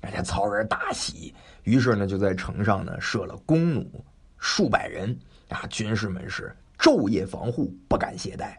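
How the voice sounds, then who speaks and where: A male storyteller narrates a traditional tale in a lively, chatty way, often pausing on fillers. His low voice is husky and swings widely in pitch. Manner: animated, conversational, many fillers.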